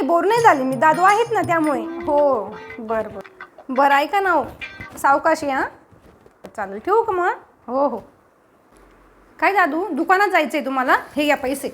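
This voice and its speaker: Brief: very high, sweet woman, coaxing comedy-sketch aunt, soft music behind. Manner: sweet, doting, coaxing, with soft short phone replies. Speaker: comedy vlogger acting a new aunt-in-law. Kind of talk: one-sided comedy sketch, talking to unseen family.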